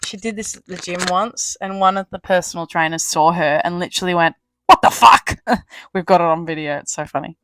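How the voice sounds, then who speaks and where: A young woman, co-hosting a casual podcast. She laughs in loud bursts and swears casually. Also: fairly low pitch, steady tone, brisk, no echo. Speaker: podcast co-host. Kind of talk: casual chat.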